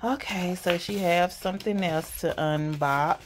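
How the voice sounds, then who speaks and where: Chatty mother talking to viewers, low voice. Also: measured pace, slight background noise. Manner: chatty, laughs often, addresses viewers as y'all. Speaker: vlogger, single mother. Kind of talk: casual chat to camera.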